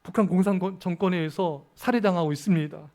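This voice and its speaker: A middle-aged man preaches with fervor, his voice pitched high for a man. He keeps appealing to the congregation, drawing out and swelling the key phrases of his sermon. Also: quick pace, warm tone. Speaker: pastor.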